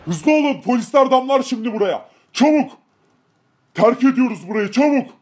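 A man voicing a hot-headed young gang son who shouts in grief and rage in a game-video drama. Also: sits high, animated, moderate pace. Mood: furious shouting. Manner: shouting, enraged.

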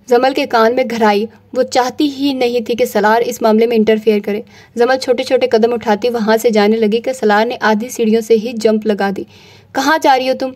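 A woman narrating a romance novel as an audiobook, reading in a steady storytelling manner. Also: a little high.

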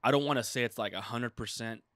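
He's a man in his thirties co-hosting a gaming podcast, chatting casually and fast in a mid-range voice, rambling with plenty of "like" fillers while animatedly retelling stories. The dry recording comes from a desk mic on a boom arm in a small studio room backed by a dark curtain.

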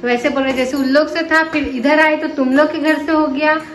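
Young woman vlogger, high and chatty. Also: fairly even intonation, brisk. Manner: chatty, addresses viewers, laughs often. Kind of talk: casual vlog chat. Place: home. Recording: echoey room.

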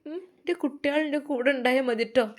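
A woman voicing a remorseful young mother who cries softly and pleads with her children, in a Malappuram accent. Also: sits high, steady tone, fast talker, close to an everyday voice. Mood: tearful pleading. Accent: Malappuram Malayalam. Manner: soft, pleading, tearful. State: crying.

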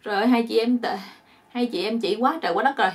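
A woman's voice: on the high side, quick pace, close to an everyday voice. A woman voicing a frightened young man who begs to be untied. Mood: pleading. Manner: begging, whiny, breathless pleading. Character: pleading young man, bound and terrified.

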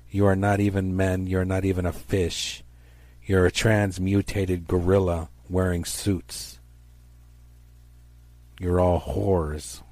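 A preacher delivers a fire-and-brimstone sermon in a low, mellow voice, stern and accusatory, giving his phrases declamatory emphasis. The recording is dry and close, with no room sound or reflections.

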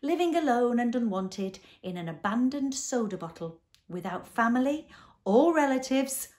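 A woman's voice: a little high, lively intonation, normal speed, darkish tone, voice pushed up, lightly acted. Woman voicing a pompous blustering doctor. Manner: pompous, declaiming. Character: pompous middle-aged male doctor, blustering.

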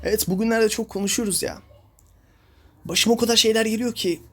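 A man's voice: high-pitched, brisk, fairly bright tone. A young man giving casual commentary while playing a mobile game, ranting in exasperation at his teammates.

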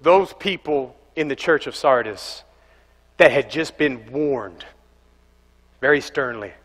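A young man preaching a sermon as pastor, animated and telling stories with acted-out voices. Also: medium pitch, slow pace. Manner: animated storytelling, acting out voices. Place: large church hall. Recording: echoey church hall.

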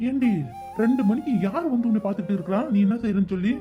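A woman's voice: mid-range voice, fast talker, dull audio, close to an everyday voice. A woman voicing Kathir, a playful, devoted young man in a cartoon, coaxing, teasing and protective. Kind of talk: cartoon voice acting. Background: background music.

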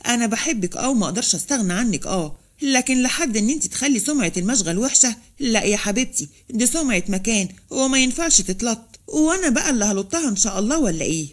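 A woman's voice: a little high, animated, quick pace. A woman voicing a workshop owner woman with an Egyptian accent, placating and stern. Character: workshop owner woman, pleading then scolding.

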